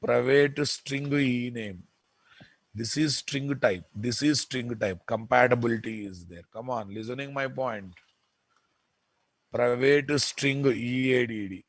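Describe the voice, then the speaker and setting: A man with a Telugu Indian accent teaches software in an informal lecture, speaking slowly at a medium pitch. As a programming instructor, he repeats points emphatically and keeps checking in with his listeners. There's no room sound on the recording.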